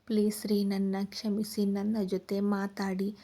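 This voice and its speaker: A devoted young wife pleads softly through her tears, read by a woman telling an audio story. Her voice is warm and dark, slow, and kept flat. She sounds tearful and begging. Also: medium pitch. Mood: pleading, tearful.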